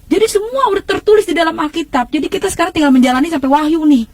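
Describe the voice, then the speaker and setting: High-voiced woman telling her testimony. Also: racing, no room sound. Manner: emotional, animated retelling with colloquial asides. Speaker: person giving a faith testimony. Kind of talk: personal religious testimony, casual storytelling.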